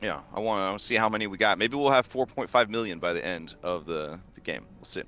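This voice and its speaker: Bright, forceful man hosting a game. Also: fairly low pitch, fast. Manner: rambling. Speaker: game master, host. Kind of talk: casual chat opening an online tabletop game. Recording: dull lo-fi mic, faint music. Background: faint music.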